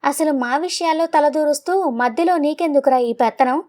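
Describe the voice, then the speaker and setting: A woman voicing a proud, angry old father over seventy who shouts and scolds. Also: high-pitched, moderate pace, natural voice.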